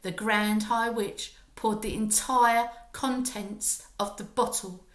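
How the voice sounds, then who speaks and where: She reads at a slow pace, narrating a children's story in the expressive, emphatic, dramatic style of a primary school teacher. The woman's mid-range voice carries reverberation.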